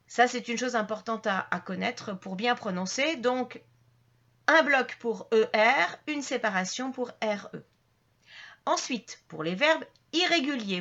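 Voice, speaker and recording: A woman's voice: on the high side, a bit bright, lo-fi sound. A woman teaching a French grammar lesson to her channel's viewers, explaining patiently step by step with frequent fillers and restarts.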